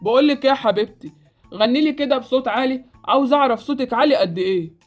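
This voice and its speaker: A woman voicing a gruff, bossy adoptive father with an Egyptian accent in a Roblox story. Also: high-pitched, fast, faint music behind, close to an everyday voice. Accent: Egyptian Arabic.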